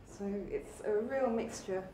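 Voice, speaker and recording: A woman's voice: fairly high pitch, normal speed, mellow, slight background noise. A woman chef and restaurant owner explaining her dishes plainly and matter-of-factly in a casual interview. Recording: roomy restaurant sound.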